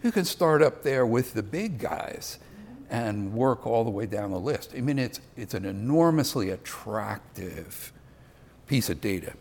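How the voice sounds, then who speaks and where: A man's voice: mid-range voice, expressive, measured pace, gravelly, a little mellow. An older man giving a conversational sermon, with self-deprecating asides. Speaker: preacher.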